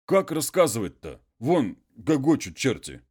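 A wheedling peasant pleads in folksy, drawn-out phrases, as a man puts him on for a story reading. The voice sits high and loud, with lots of lift and fall in each line. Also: huge pitch swings, husky, exaggerated voice. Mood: pleading.

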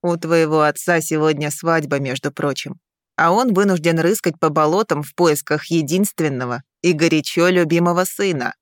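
A woman reading the part of a calm, affectionate noble father who is a werewolf, in an audiobook. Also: sits low, normal speed, no room sound, studio quality, lightly acted. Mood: reasoning.

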